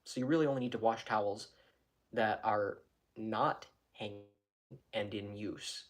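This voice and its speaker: A man's voice: fairly low pitch, unhurried. A man talking to his channel from his own room in a loose, rambling vlog chat, often restarting and correcting himself. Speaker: YouTuber.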